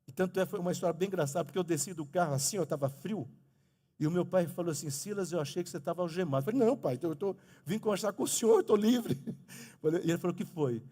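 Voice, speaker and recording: A middle-aged man preaching a lively sermon as pastor in a church, speaking to the congregation. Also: on the high side. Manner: animated preaching, talks of his own stutter. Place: church sanctuary. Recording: long reverb of a church hall.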